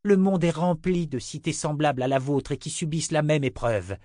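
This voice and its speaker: A man voicing a resolute lordly hero, earnest and declaiming, a little higher than his narration. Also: brisk, a little mellow, dry recording, clean studio sound, natural voice.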